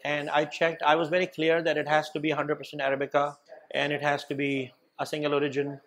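A man's voice: fairly high pitch, completely flat delivery, quick pace, fairly bright tone. A middle-aged man from Pakistan, a cafe owner, talking energetically in an interview and mixing Hindi-Urdu with English. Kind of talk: sit-down interview. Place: indoor studio set with dark wall.

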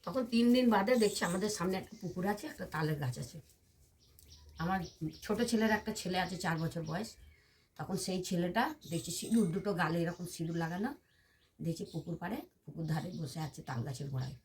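A woman's voice: on the low side, a little fast, a little mellow, a little hiss or hum. An older woman from West Bengal, a temple devotee, telling her personal story in an interview in an earnest, detailed way. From West Bengal, India. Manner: earnest, detailed recounting with many reported quotes.

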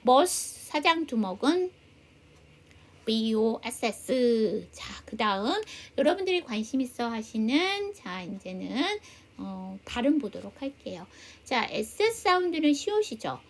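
A middle-aged woman teaches a beginner English class. Her voice sits a little high, and she explains patiently, slowing down to spell out each letter. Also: big pitch swings. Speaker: English teacher at a seniors' welfare center. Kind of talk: classroom lesson.

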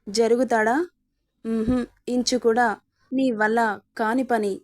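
A woman's voice: a little high, flat delivery, slow pace. A woman reading a storybook, voicing a cruel and mocking young husband with a menacing, taunting manner.

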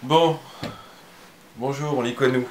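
A man's voice: medium pitch, fairly even intonation, slow pace, reverberant, a little hiss or hum. A man presenting and reading a picture book aloud, casual and hesitant with many fillers.

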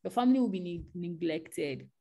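A woman's voice: on the low side, expressive, normal speed, vocal fry, dark tone. A woman speaking as a guest on an online tech panel, giving earnest advice and often restarting her sentences.

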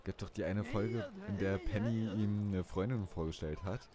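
Low-voiced chatty man playing a game. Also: moderate pace, crowd noise. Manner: chatty, self-mocking, swears casually. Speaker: let's play host. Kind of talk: casual game commentary.

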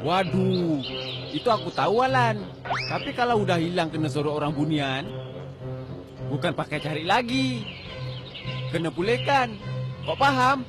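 A man's voice: high voice, expressive, moderate pace, long pauses. A man playing a bossy, fretful older village uncle in a voice drama, speaking with a tinge and scolding often. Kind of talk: amateur voice drama. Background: music.

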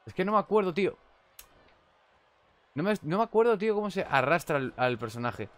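A young man with a Spanish accent commentating on a wrestling video game. He chats casually and shouts at big moves. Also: sits high, big pitch swings, a little fast. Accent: Spain Spanish. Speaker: gameplay commentator.

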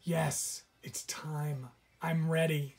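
A man's voice: on the high side, little pitch movement, drawn-out words, slightly rough, heavily acted. A man reading a storybook aloud and voicing a shy, curious young male fawn. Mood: timid. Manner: soft and unsure.

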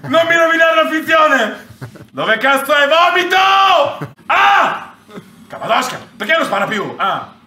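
A man reacting loudly to a virtual reality game, swearing and shouting in excitement. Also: very high-pitched, unhurried, recorded from a distance. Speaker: presenter playing a VR game. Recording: echoey room, voice off-mic.

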